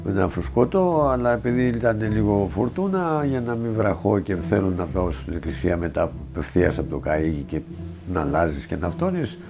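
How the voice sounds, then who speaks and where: A man's voice: on the low side, big pitch swings, over music. A middle-aged man from Greece telling a first-person story from his past in a plain, vivid way, quoting the people involved. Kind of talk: spoken first-person recollection.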